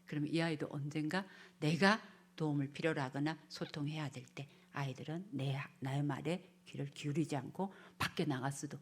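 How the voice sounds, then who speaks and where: A woman's voice: sits low, fairly quick, slightly rough. A woman giving a lecture at a church family seminar, acting out parents' and children's lines and sometimes dropping to a whisper.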